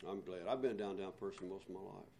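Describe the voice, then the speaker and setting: A man's voice: sits low, fast talker, gravelly, mellow. An older man, a barber, reminiscing in a casual conversation, easygoing with frequent fillers.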